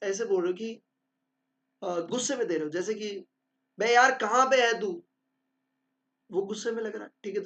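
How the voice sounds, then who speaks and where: A man teaching a recorded lecture in a conversational way, mixing Hindi with English and reading English definitions slowly. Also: sits high, highs cut off. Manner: conversational, uses tag "ठीक है" often; acts out example lines in angry and soft tones.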